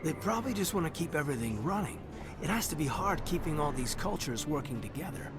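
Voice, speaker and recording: A man's voice: a little high, big pitch swings, fast talker, over music. An actor playing an earnest young male lieutenant who talks in an eager, slightly awkward way.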